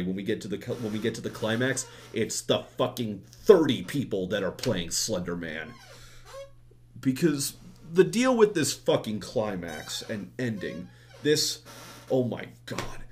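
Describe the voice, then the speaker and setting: A man's voice: lowish voice, darkish tone. A young man giving a rambling, profane, exasperated movie review, full of restarts and filler words.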